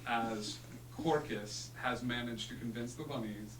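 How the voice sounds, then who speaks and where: A man working as game master, narrating a tabletop fantasy game theatrically with dramatic pauses. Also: mid-range voice. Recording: echoey room, distant mic, humming noise.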